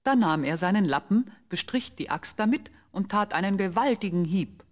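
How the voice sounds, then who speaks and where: A man's voice: high voice, normal speed. Man narrating a fairy tale. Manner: even, storytelling delivery.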